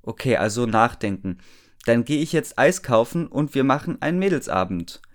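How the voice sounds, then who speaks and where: A man voicing a young female friend in a read-aloud story, with a raised, quick and chatty delivery. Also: mid-range voice, big pitch swings, lightly acted.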